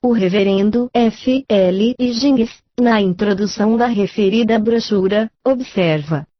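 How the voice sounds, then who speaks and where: A woman reading a book aloud in a measured, even narration. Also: mid-range voice, slight background noise. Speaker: reader. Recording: dry, dull lo-fi recording.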